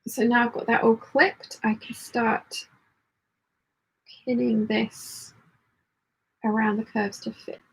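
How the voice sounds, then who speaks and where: A woman hosting a casual live sewing hangout, talking through her work and chatting along, with a slightly husky voice. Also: a little high, little pitch movement, slow pace, pauses often, slight background noise, rough recording. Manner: muttering commentary while working; reads chat messages aloud. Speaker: sewing livestream host.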